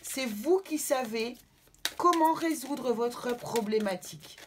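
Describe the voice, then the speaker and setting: A woman's voice: on the high side, expressive, slow, slight background noise. A woman giving a tarot card reading to her viewers, talking reassuringly and often checking in with them. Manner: affectionate sign-offs to viewers.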